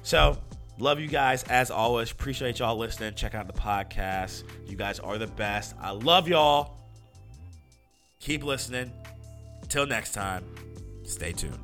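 Sick american podcast guy, froggy stuffed-up voice but bright n punchy, casual sweary gaming rant. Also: medium pitch, animated, measured pace, long pauses, soft background music. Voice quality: froggy, congested Kermit-like voice. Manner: informal, profane, opinionated. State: sick with a cold. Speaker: podcast host. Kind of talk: casual solo podcast commentary on video games.

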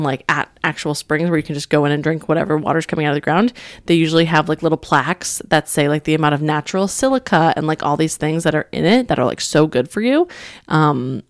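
Woman, low voice, chatty, giggly, dry close mic. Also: no echo. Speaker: podcast co-host. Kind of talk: casual chat.

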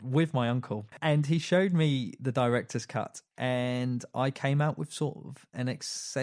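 A man's voice: mid-range voice, measured pace, a little mellow, dry recording, clean studio sound. A man hosting a casual film podcast, chatty, with frequent fillers and restarts. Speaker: podcast host.

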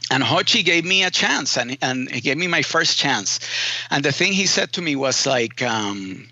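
A man's voice: medium pitch, animated, moderate pace, sharp tone, no room sound, lo-fi sound. A man from Rico, a film editor telling his story casually in an interview, full of "you know" and "man". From Puerto Rico.

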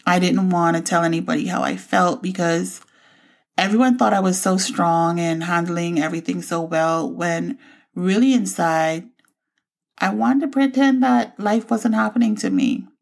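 Gravelly-voiced woman sharing her faith story. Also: lowish voice, lively intonation, moderate pace. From Bahamas. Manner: reflective, heartfelt storytelling. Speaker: podcast host. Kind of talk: personal faith testimony.

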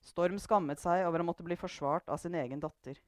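A woman reading a novel aloud in measured narration. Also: lowish voice, no echo, studio quality. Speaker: reader. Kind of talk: book reading.

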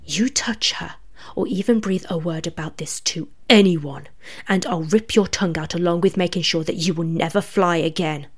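A woman voicing a ruthless female rabbit demon commander who speaks coldly and drops into low, menacing whispers. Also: moderate pace, clean tone, lightly acted. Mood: whispered threat. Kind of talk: storybook reading.

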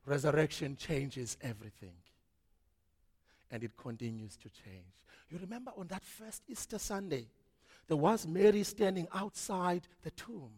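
A man preaching a sermon as pastor, swinging from loud, dramatic preaching to hushed tones. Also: fairly high pitch. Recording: long reverb of a large hall.

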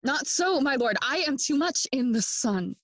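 A woman's voice: sits high, expressive, normal speed, a bit bright, no echo. A woman playing a bitter, sardonic young grieving prince in a bilingual Shakespeare audio play. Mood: bitter, dry.

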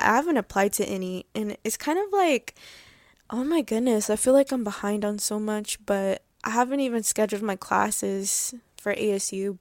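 This is a teenage girl speaking on her own podcast, rambling through a heartfelt update with plenty of fillers and restarts. Her voice sits a little high and she laughs easily. The recording is dry and close, with no room sound. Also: no echo. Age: late teens. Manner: excitable, laughs often. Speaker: podcast host. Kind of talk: casual personal update.

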